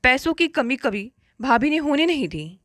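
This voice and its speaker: A woman narrating a family story in steady first-person reading. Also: high voice, moderate pace, no room sound, studio quality.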